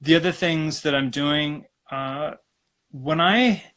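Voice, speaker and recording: A man from Alberta, Canada, talking as a guest acupuncturist in a relaxed, rambling way over a video call. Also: fairly high pitch, takes it slowly. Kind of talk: casual live-stream interview.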